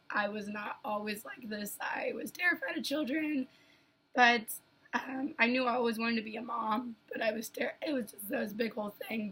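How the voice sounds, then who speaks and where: A young woman with a slightly high voice chats in a relaxed, playful way about her work. Her voice is hoarse and failing, breaking into whispers often. A faint hiss of background noise sits under the recording. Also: low-quality recording. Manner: goofy, laid-back, chatty. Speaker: daycare teacher. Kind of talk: casual video talk.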